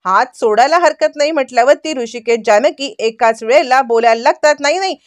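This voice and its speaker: High-voiced woman narrating a story recap. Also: a little fast, dry recording. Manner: steady descriptive retelling.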